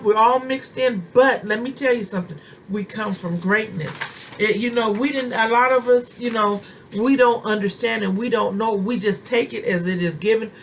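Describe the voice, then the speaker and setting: A woman preaching straight to her listeners with fervent, homespun conviction. Her voice sits at an ordinary middle pitch, and she drives points home by repeating phrases. A faint background hiss runs under her talk. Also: poor audio. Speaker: preacher and self-styled prophetess. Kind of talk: informal sermon, speaking to viewers.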